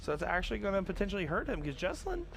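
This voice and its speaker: Chatty guy calling darts live, kinda high voice, venue noise going on behind. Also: very animated, rapid-fire, vocal fry. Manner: upbeat, chatty, explains the game. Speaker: darts commentator. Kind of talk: live sports commentary. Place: tournament hall.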